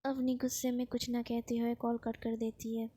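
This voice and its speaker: A woman's voice: on the high side, completely flat delivery, normal speed, dark tone, slightly rough. A woman narrating a romance story in a casual, chatty way, mixing in many English words.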